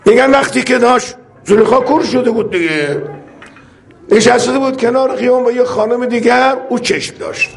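Male preacher, very high voice, humorous storyteller who acts out the characters. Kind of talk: religious sermon with storytelling.

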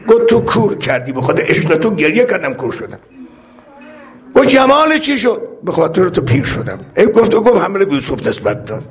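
Male preacher, very high voice, humorous storyteller who acts out the characters. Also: very animated. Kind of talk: religious sermon with storytelling.

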